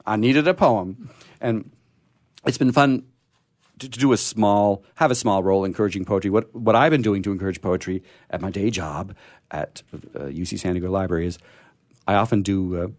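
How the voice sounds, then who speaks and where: With a sore throat, a radio host talks casually and off the cuff, halting, stammering and restarting partway through phrases. His voice is lowish and darkish in tone, and the recording has no room sound.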